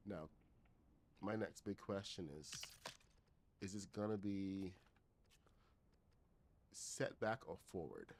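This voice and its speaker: Man from Barbados, middle-aged, deep low voice, rambling casual stream chat, lots of ums, faint background noise. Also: slow pace, vocal fry, pauses often. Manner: rambling, filler-heavy, greets chat loudly. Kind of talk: casual gaming livestream chat.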